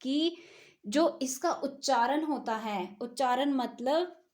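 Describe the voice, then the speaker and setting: A woman teaches a grammar lesson in a high, bright-toned voice. She speaks slowly, asks her own questions and answers them, and repeats the key words. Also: expressive. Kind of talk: explaining Hindi grammar.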